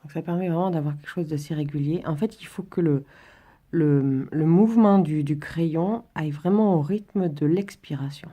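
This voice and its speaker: A woman instructor gives an informal drawing and relaxation tutorial, demonstrating as she talks. Her low-pitched, warm voice moves at normal speed, though her delivery is hesitant and stop-and-start.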